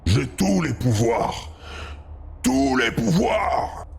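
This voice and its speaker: A man voicing a huge, domineering demon who speaks in a slow, menacing, gravelly way in a tabletop game. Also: mid-range voice, big pitch swings, exaggerated voice. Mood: thundering, boastful. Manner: menacing, commanding, slow drawn-out delivery.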